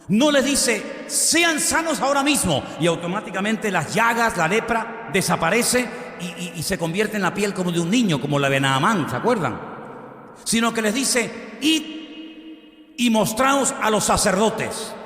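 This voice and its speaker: A man with a Spain Spanish accent preaches a sermon, his fairly high voice leaping up and down. He keeps throwing rhetorical questions at his listeners. The sound bounces around a reverberant church hall with a long tail. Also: a bit bright. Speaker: pastor.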